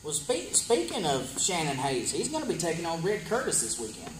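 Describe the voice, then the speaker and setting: Male wrestling promo interviewer, animated pitch, announcing match cards in an echoey space with music. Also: brisk. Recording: echoey room with music behind.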